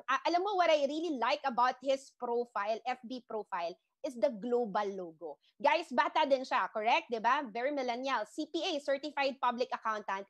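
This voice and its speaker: A Filipino-accented woman with a high, bright voice leads an energetic sales training session. She talks to her trainees directly and keeps asking whether they follow. The sound is dry and close. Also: no room sound. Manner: animated, mixing English and Tagalog, frequent rhetorical check-ins. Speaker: network marketing trainer. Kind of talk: online sales training talk.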